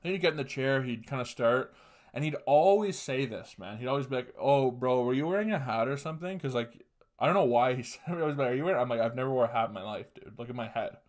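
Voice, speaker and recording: A man's voice: mid-range voice, fast talker. A young man from Canada hosting a podcast, telling rambling, profane comic stories in a casual way, recorded at home on a webcam. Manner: rambling, profane, animated storytelling. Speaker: podcast host. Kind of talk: casual comedic storytelling. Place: small room at home, indoors.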